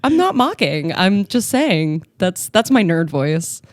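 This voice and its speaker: A woman's voice: fairly low pitch, big pitch swings, slow pace, no room sound, clean studio sound. A woman co-hosting a podcast in casual chat, teasing, laughing and swearing casually. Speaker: podcast co-host.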